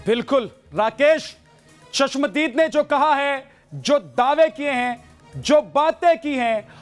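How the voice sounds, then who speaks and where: A male news anchor speaking loudly and forcefully, repeating phrases for emphasis. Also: very high voice, expressive, slow pace, faint music behind. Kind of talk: loud studio news anchoring.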